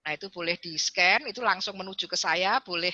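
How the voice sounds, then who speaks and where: A woman psychologist and counselor giving a parenting talk over a video call, lively and acting out parents and children as she explains. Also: lowish voice, brisk, no echo, muffled recording. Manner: animated, acts out parents and children in quotes; addresses listeners repeatedly as parents. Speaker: guest speaker, psychologist and counselor.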